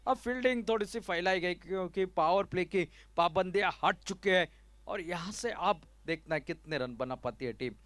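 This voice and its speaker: A man's voice: high-pitched, moderate pace, a bit bright, dry recording. A man with an Indian accent giving live ball-by-ball cricket commentary.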